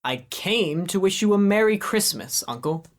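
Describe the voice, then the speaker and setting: A man's voice: high voice, expressive, normal speed. A man playing a cheerful, earnest nephew. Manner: warm, pleading, upbeat.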